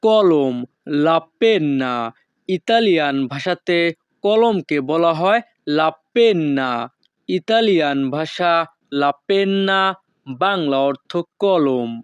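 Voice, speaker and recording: A man teaching vocabulary in a slow, repetitive drill, saying each word and then its meaning. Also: a little high, animated, clear, resonant tone, dry recording. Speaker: language teacher.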